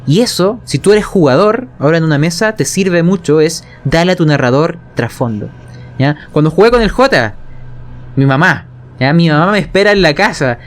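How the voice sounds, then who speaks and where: A game master with a Chilean accent explains tabletop role-playing narration technique in a colloquial way, frequently checking in with listeners. His voice is fairly high and animated, at a normal speed.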